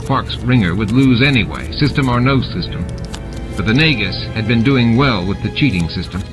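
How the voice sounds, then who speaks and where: A man reads scripted fiction as an audiobook narrator, his mid-range voice expressive and moderately paced. Music and sound effects have been added behind him.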